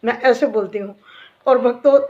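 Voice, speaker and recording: Speaking at a normal speed in a mellow, slightly high voice, a middle-aged woman recounts an emotional faith story to fellow devotees. She is a devotee and bhajan singer, and her telling is earnest and heartfelt. The recording sounds dull and lo-fi.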